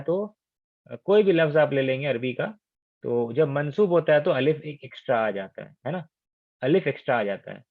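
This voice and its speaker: A man's voice: a little high, dry recording. Man teaching grammar over a tinny call line. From India. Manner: explains patiently, often checking with "ठीक है?"; repeats and drills Arabic words slowly. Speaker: Arabic teacher. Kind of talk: online Arabic grammar lesson. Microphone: online call. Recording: tinny phone-like call audio.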